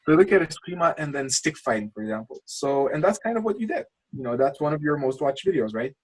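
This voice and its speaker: On a rough recording, a Lithuanian channel coach speaks quickly and expressively in a slightly high voice. He isn't a native English speaker, and his casual screen-share coaching call is rambling and passionate, full of restarts.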